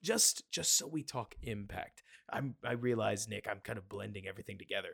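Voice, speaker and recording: A man's voice: on the low side, animated, fairly quick, creaky, fairly bright tone, husky. A man co-hosting a casual sports podcast, musing about the game in a loose, conversational way. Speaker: podcast co-host.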